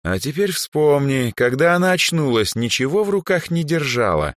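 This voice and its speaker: A man's voice: on the high side, very animated, normal speed, no room sound, studio quality, voice pushed up. A man voicing an aging male archmage who sighs, lectures and sometimes snaps in anger. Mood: probing. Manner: sighing, lecturing, flares into anger. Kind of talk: audiobook character voice.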